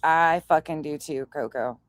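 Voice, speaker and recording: A woman with a low voice speaks unhurriedly as she hosts a livestream, casually commenting on clips being played and chatting with viewers. Her manner is blunt, profane and scornful.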